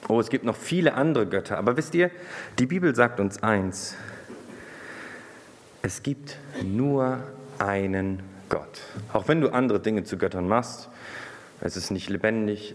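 A man preaching a sermon, addressing the congregation directly in a lively way and breaking into a Bible reading. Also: on the low side, in a large hall.

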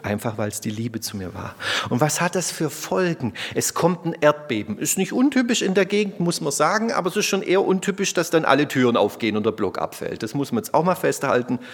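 A man preaching a conversational sermon, swinging between loud emphatic bursts and soft, low passages, often adding little tag questions. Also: lively intonation, fairly quick. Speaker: pastor. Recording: long reverb of a large hall.

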